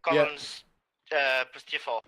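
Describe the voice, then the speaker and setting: A man giving halting, repetitive tactical callouts in a military game. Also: medium pitch, little pitch movement, pushed and bright, poor audio.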